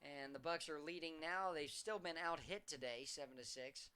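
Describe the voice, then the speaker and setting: A man calling baseball play-by-play as the team's announcer, keeping a steady call that lifts in energy on hits. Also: a little high, normal speed, clear, resonant tone.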